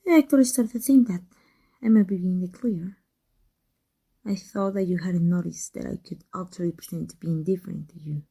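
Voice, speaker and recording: In an intense ASMR roleplay monologue, a woman voices an embittered villain secretly in love with a rival, delivering an anguished confession. Her full character voice is lowish and dark, husky and breathy, often sinking to a whisper.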